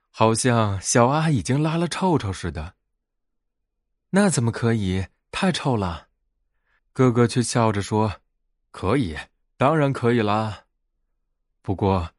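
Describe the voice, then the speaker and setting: A man narrating a soothing bedtime story in a gentle, unhurried way. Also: mid-range voice, dry recording, studio quality.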